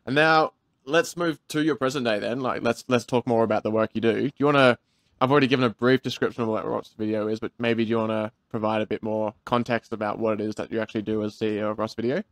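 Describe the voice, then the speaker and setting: A man's voice: fairly low pitch, fairly even intonation, quick pace, dry recording. Young male podcast host from Australia, eager and casual, dry close mic. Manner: enthusiastic, uses 'like' often. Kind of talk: casual interview.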